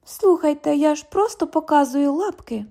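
A woman's voice: high-pitched, expressive, moderate pace, creaky, warm tone, voice pushed up. London: a woman voicing a cheeky young woman. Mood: mocking. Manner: mocking, cheeky, parrots the other speaker. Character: sarcastic 20-year-old woman bank cashier. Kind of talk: audiobook dialogue reading.

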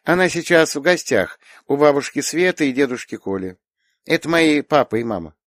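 A man reading an audiobook, voicing a gentle, thoughtful young woman who speaks softly and a little hesitantly. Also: fairly high pitch, normal speed, no room sound, studio quality, voice pushed up, lightly acted. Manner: soft, hesitant, lifted voice. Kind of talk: audiobook character voice.

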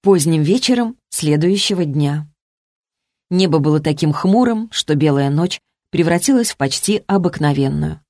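A man narrating an audiobook in a steady, even storytelling manner. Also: on the high side, normal speed, dry recording, studio quality. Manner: steady, even storytelling with lightly voiced dialogue. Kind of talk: scripted narration.

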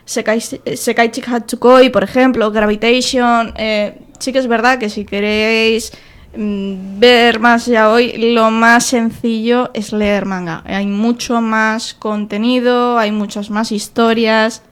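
Girl on local radio, kinda high voice, explaining stuff, trips on words. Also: level tone, slow pace, smooth. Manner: explanatory, stumbles over words. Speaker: radio guest. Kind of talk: casual radio chat. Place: radio studio.

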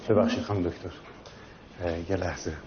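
A man's voice: deep voice, fairly even intonation, natural voice. An actor playing a polite man begging for help with his patient's surgery, in dubbed film dialogue. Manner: polite, pleading. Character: earnest middle-aged man pleading for help. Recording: dull film soundtrack with noise.

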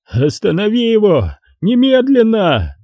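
Man doing a hysterical crewman, high-pitched, shrieking, husky, storybook reading. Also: very animated, moderate pace, warm tone, no room sound, full character voice. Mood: frantic. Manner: shrieking, frantic, pleading. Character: panicked hysterical male submarine crewman.

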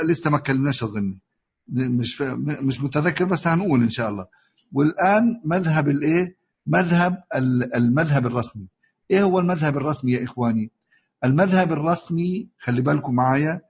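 A man with an Egyptian accent teaching Quran recitation rules, drawing words out slowly, repeating them with many hesitant fillers and often urging his students to pay attention. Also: on the high side, slightly rough. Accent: Egyptian Arabic. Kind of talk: explanatory lesson. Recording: muffled lo-fi recording.

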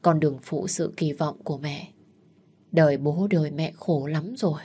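A woman's voice: low-pitched, moderate pace, dark tone, husky. A woman voicing a tired, grieving older mother who speaks firmly to her daughters. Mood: weary, firm. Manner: tired, firm, motherly scolding. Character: weary grieving widowed village mother.

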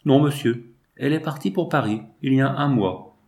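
A man's voice: mid-range voice, normal speed, darkish tone, voice pushed up, close to an everyday voice. A man voicing a sly, insistent male business agent in an audiobook, with an eager, self-assured manner. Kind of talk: audiobook character voice.

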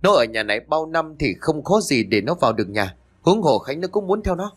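A man's voice: on the high side, big pitch swings, a little fast, breathy edge, voice pushed up. A man playing a harsh, scheming stepmother. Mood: feigned worry. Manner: harsh, scolding. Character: cruel, scheming young stepmother.

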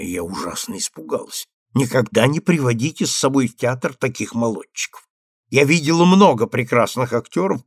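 A man voicing a hushed, fretful old dresser. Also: mid-range voice, creaky, slightly rough, no room sound, clean studio sound. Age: older. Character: old female theatre dresser, caring, fretful. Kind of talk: audiobook character voice.

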